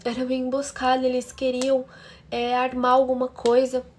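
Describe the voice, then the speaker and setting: Mulher fazendo rapaz abalado que acalma a namorada. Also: female voice, sits high, monotone, moderate pace, slight background noise, close to an everyday voice. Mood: tense. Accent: Brazilian Portuguese. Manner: urgent, reassuring. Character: shaken young man calming his girlfriend.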